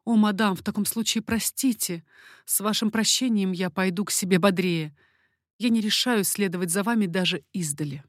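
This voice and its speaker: A woman's voice: medium pitch, moderate pace, dry recording, studio quality, close to an everyday voice. A woman voicing an anxious young baroness in an audiobook, pleading urgently.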